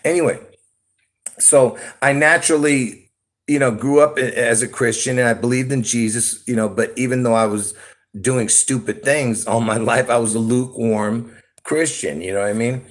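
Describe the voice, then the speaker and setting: On a solo YouTube livestream, a Lebanese man talks into his phone at normal speed and an ordinary middle pitch. His monologue rambles from point to point, punctuated by frequent chuckles and check-ins like "okay?" and "all right?"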